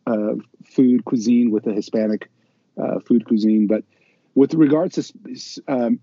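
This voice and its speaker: A man speaks as a podcast guest in a relaxed chat, thoughtful and telling stories as he goes. His voice is very dark and warm. The sound is dry and dull, like lo-fi audio. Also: medium pitch, unhurried, no echo.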